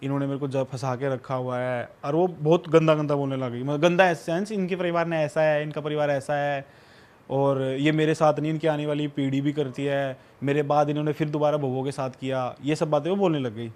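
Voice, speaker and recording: A man telling a true ghost story in casual podcast chat, acting out the quoted lines in a lower, quieter voice. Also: steady tone, brisk. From Haryana. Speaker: podcast guest.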